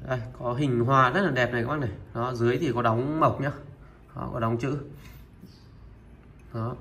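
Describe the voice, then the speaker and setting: A man presenting used Japanese goods for sale, item by item, in a steady and repetitive way. He talks to viewers familiarly and fills his pauses with filler sounds. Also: medium pitch, a little hiss or hum. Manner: steady, repetitive, opens nearly every line with a pointing word. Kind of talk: product showcase sales talk.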